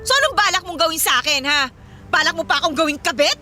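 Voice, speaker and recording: Hurt young woman, very high, bright tone, sharp accusing lines, radio drama. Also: animated, quick pace, full character voice. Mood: distraught.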